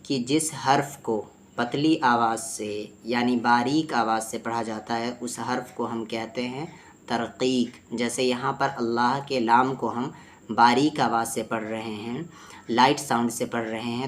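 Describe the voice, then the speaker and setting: A man's voice: mid-range voice, a bit bright, slight background noise. Patient male Quran tajweed teacher. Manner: patient, explains each letter, then recites slowly for the student to repeat. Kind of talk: tajweed lesson with repeat-after-me drills.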